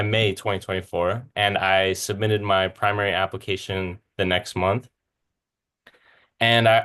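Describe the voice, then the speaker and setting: With a lowish, fairly bright voice, this Southern Californian student in his twenties, a medical school applicant, talks through his slides casually and self-deprecatingly in a Californian American accent.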